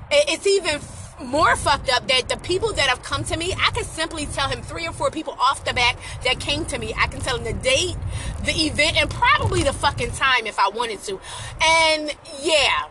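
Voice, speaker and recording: A woman's voice: sits high, pushed and bright, slight background noise, rough recording. A young woman venting in a casual confessional rant, swearing heavily and repeating herself for emphasis as she tells her story and advises young women. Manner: blunt, heavy swearing, emphatic repetition. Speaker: vlogger venting about a relationship.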